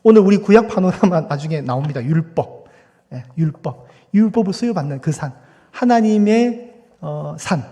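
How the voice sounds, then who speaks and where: A man's voice: fairly high pitch, animated, moderate pace, warm tone, long reverb tail. A man preaching a Sunday sermon as pastor, talking with the congregation and asking them questions. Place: church sanctuary.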